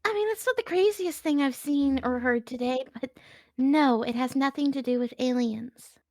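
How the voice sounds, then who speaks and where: A woman's voice: sits high, normal speed, a little mellow, no room sound, studio quality. A woman player in a tabletop role-playing game, speaking in character and describing her actions, exasperated and swearing.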